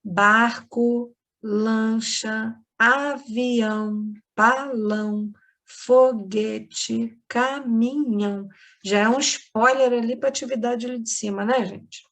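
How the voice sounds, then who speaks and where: Brazilian woman teacher, slightly high gravelly voice, unhurried patient dictation to kids in a video lesson. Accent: Brazilian Portuguese. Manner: slow, patient dictation with many checks like "ok?". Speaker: primary school teacher. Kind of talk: recorded online class for children.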